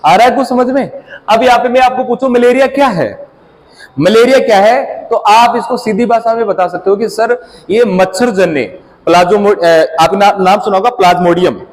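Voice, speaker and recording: High-voiced man teaching a drilling class. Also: rough recording. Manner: quizzes the class with repeated call-and-response prompts; repeats key terms slowly for emphasis. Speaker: competition exam teacher. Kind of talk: classroom lecture.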